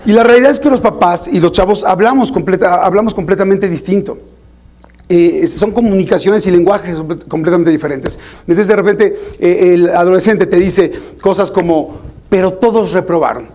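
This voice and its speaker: High-voiced Mexican man talking to parents. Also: normal speed. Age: adult parent. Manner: animated, acts out parents and teens in higher voices. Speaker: parenting speaker. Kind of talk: informal talk to parents.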